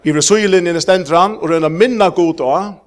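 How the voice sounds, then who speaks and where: Emphatic preacher, man. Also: high-pitched. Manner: halting with many fillers, rising to emphatic peaks. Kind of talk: sermon.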